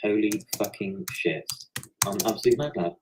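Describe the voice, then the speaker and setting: A man's voice: on the low side, normal speed, background noise. A young man at a casual line-reading session for a fan dub, joking, swearing and fumbling his lines. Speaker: fan voice actor.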